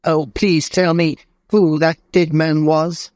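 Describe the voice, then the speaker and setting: Scrooge, a high-pitched emotional old miser, as a man puts him on. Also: flat delivery, slow pace, darkish tone, no room sound, clean studio sound. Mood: pleading. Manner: emotional, pleading, exclamatory. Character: old man Scrooge, repentant, desperate then overjoyed. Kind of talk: storybook reading.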